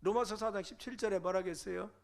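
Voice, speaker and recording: A middle-aged man preaching a sermon in a church, his voice set high for a man and full of gravel. He preaches with fervor and keeps asking his listeners questions and then answering them himself. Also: fairly even intonation, quick pace. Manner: fervent preaching, rhetorical questions. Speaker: pastor. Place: church sanctuary.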